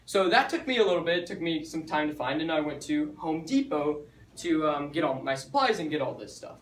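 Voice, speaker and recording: A young man with a slightly high voice gives a chatty student talk, joking his way through it and stumbling over his words now and then. He sounds set back from the microphone. The echo of a large hall hangs around every word. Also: animated, fairly quick, slight background noise. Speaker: student speaker. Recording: echoey hall, mic far off.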